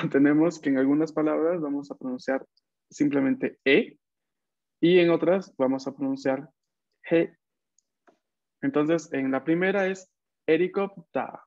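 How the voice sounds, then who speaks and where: Slow, patient man teaching Japanese. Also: fairly high pitch, darkish tone, dry recording, highs cut off. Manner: patient, counts strokes aloud in Japanese. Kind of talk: online class lesson.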